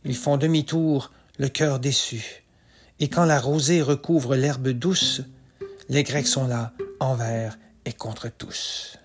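A man narrating a rhymed epic tale in a slow, measured, rhythmic way. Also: mid-range voice, fairly even intonation. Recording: soft music underneath.

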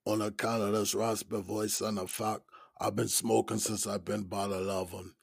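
An actor playing an older male inmate in his sixties with a deep, raspy voice and a Gullah Geechee accent, speaking in a slow, easygoing drawl. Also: flat delivery, no echo, studio quality. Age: 60s. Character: older male inmate, laid-back smoker. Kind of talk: audio drama acting.

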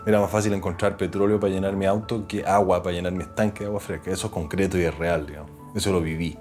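A man with a Chilean accent, an actor and presenter, telling his story as an interview guest in an earnest, animated way. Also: low-pitched, quick pace, faint music behind. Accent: Chilean Spanish. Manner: earnest, animated, voices other people when retelling. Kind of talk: reflective conversational storytelling.

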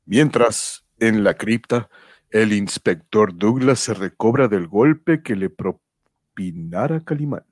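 A man's voice: on the low side, expressive, slow, darkish tone, no room sound, studio quality. A man delivering dramatic scripted narration for a radio serial.

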